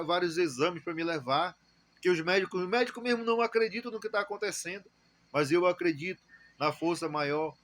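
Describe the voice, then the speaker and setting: Brazilian man, testimony preacher; stammering, repetitive delivery, raised pitch, dry close mic. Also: a bit bright, no room sound. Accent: Brazilian Portuguese. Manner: halting, many repeated words and fillers; preaching exhortation. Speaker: church member giving testimony. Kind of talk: spoken testimony.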